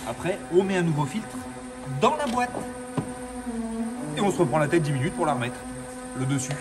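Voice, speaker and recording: A man explaining a car part swap in a relaxed, joking and crude way, recorded in a garage. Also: on the high side, moderate pace, over loud music. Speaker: amateur mechanic co-host. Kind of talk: casual how-to commentary. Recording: loud noise in the garage.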